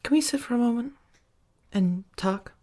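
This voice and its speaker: In a soft-spoken ASMR roleplay, a woman plays a protective, affectionate vampire roommate, her breathy voice often dropping close to a whisper. Sounding a little high and animated, she speaks haltingly and earnestly, with an apologetic air.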